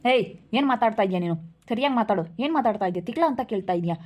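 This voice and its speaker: A woman voicing a blustering village husband who answers back gruffly in a skit. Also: medium pitch, animated, very fast, a little mellow, close to an everyday voice. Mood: indignant. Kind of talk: skit acting.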